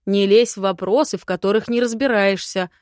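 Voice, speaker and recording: A cranky old nobleman who growls his words and snaps at anyone who crosses him, as a woman reads him aloud. His voice sits at a middling pitch, and the booth sound is completely dry, with no room echo. He comes across as stiff, indignant and sure of his own authority. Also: unhurried, lightly acted. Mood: stern. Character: grumpy, rude old male lord. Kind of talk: audiobook character voice.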